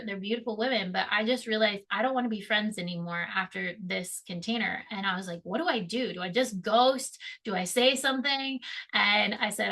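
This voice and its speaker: Bright-voiced woman, candid and chatty. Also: mid-range voice. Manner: candid and emotional, swears freely, laughs at herself. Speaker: podcast host. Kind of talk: casual solo podcast monologue.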